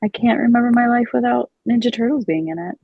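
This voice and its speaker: A woman's voice: fairly high pitch, fairly quick, vocal fry, husky, no echo, narrow, tinny audio. A woman in her forties, a guest artist, speaking hesitantly with many "um" fillers. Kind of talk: casual interview chat.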